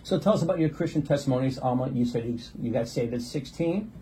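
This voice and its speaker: A man's voice: medium pitch, lively intonation, fast, dark tone, a little hiss or hum, low-quality recording. A man, a pastor, guest-hosting a gospel talk show and interviewing a couple in a friendly, joking way with many fillers. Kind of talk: casual interview chat.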